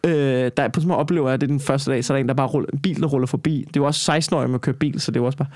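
A man's voice: mid-range voice, fairly even intonation, a little mellow, no echo, clean studio sound. A young man in casual conversation, telling a long personal story in a rambling way, with many restarts and some swearing.

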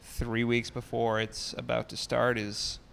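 A man's voice: mid-range voice, completely flat delivery, a little slow, gravelly, fairly bright tone, smooth. A man who is a guest on the chat, talking casually as the groom in a reflective, hesitant way.

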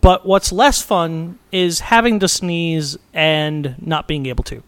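A man's voice: on the high side, slow pace, a bit bright, clear, resonant tone. A man co-hosting a podcast in casual chat, playful and rambling, laughing often between his points. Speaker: podcast co-host.

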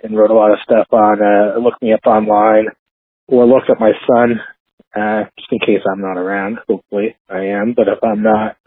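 A man from Canada leaving an earnest, halting voicemail over a landline phone. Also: on the low side, no echo. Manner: earnest, halting, searching for words. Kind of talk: casual spoken message. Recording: tinny phone-line voicemail.

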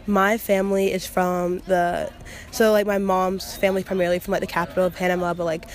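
An interviewee speaking in a casual, relaxed way. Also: mid-range voice, brisk.

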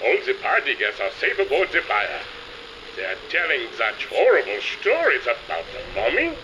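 A man playing an eager, flustered inventor speaking over a noisy radio line, in halting, broken phrases. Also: mid-range voice, huge pitch swings, dull audio. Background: noise.

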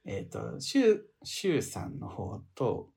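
A man in his thirties co-hosting a relaxed podcast. His voice moves around a lot in pitch as he chats. He laughs often, pokes fun at himself, and slips into feminine speech forms. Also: a little slow, creaky, slight background noise. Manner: laughs often, self-deprecating. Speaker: podcast co-host. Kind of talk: casual chat.

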